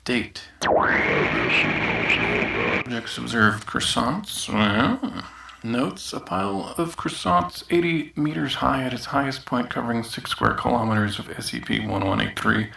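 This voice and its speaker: In this scripted in-character reading, a man voices a demoted researcher who grumbles through an official audio log, dry in manner with irritable asides. His full character voice is mid-range, unhurried, pushed and bright, with vocal fry. The sound moves from noisy outdoors to an echoey bathroom.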